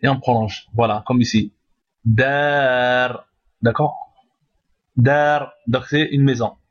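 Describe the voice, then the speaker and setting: An Arabic teacher with a mid-range voice and a steady tone leads a step-by-step language lesson at a slow pace. He patiently repeats each word and checks that the listener is following. The sound is lo-fi.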